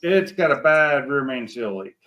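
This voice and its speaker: A man's voice: medium pitch, animated, normal speed, dull audio, crowd noise. Plain-spoken man chatting in his garage. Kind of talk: casual chat on a video call. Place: home garage. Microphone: laptop on a video call.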